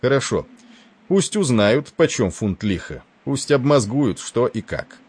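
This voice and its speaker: A man voicing a gruff, pompous older male admiral. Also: medium pitch, sing-song, a little slow, a little mellow, voice pushed up.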